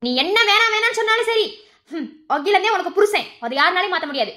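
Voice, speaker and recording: A woman's voice: extremely high pitch, lively intonation, fast, bright, forceful tone, heavily acted. An actress playing a domineering mother who scolds her daughter harshly and forces her marriage. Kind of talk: TV serial acting.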